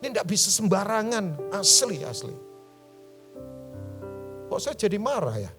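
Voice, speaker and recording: A male pastor preaching with a high, bright-pitched voice that swings widely up and down. His delivery is colloquial and lively, and it rises into loud, emphatic outbursts. Faint music plays behind him in the church hall. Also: measured pace. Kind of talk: sermon.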